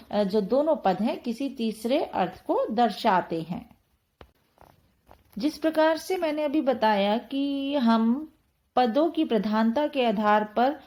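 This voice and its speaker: A woman's voice: fairly high pitch, a little mellow. A woman teaching a Hindi grammar lesson, explaining step by step and repeating key terms.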